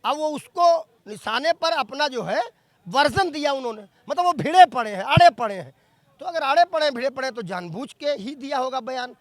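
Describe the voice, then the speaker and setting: High-voiced man pressing debate questions. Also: expressive, fairly quick, no echo. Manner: pressing, repeats the same question. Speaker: debate anchor. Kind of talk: political street debate.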